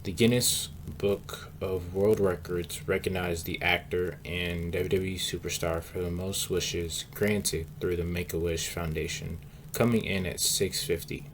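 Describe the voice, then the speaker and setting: A man presenting a short sports segment, reading scripted announcements in a steady read-aloud manner. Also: low-pitched, a little slow, a little hiss or hum.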